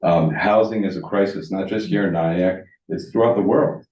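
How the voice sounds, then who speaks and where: A very low-pitched man speaks bluntly at a village board public comment, rambling and restarting his sentences. He is heard from a distance in a large, echoey meeting room. The pickup sounds dull and muffled. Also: steady tone, moderate pace, darkish tone. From United States. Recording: roomy meeting hall, distant dull mic.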